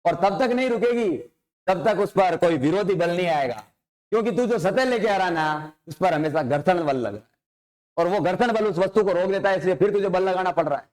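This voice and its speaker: Man, science teacher, informal coaching-class lecture, quizzes himself as he goes, slightly high voice. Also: lively intonation, a little fast, darkish tone. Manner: keeps asking questions and answering them himself; informal, addresses figures with tu.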